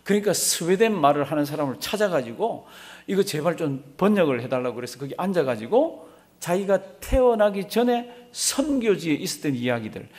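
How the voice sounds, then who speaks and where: Fairly high-voiced man preaching a sermon. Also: a little mellow. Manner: storytelling that builds to emphatic preaching; repeatedly addresses the congregation directly. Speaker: pastor. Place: Korean immigrant church in America.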